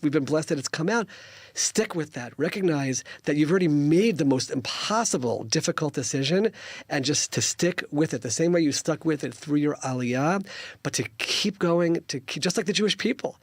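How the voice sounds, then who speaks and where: This American politician in his fifties, a guest in a studio interview, speaks with a slightly high voice in an earnest, preachy way, often restarting sentences. The recording is dry.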